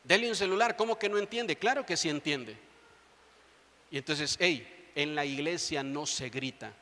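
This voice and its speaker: A man's voice: fairly high pitch, pushed and bright. A man in his thirties preaching a sermon as pastor, appealing directly to his congregation with rising fervor. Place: large church hall. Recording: long church reverb.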